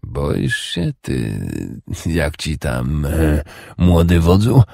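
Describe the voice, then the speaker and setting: A man voicing an old wounded Danish king who is scornful and bitter, with a rasping, contemptuous growl. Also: very deep voice, very animated, extremely slow, warm tone, no room sound, clean studio sound, full character voice.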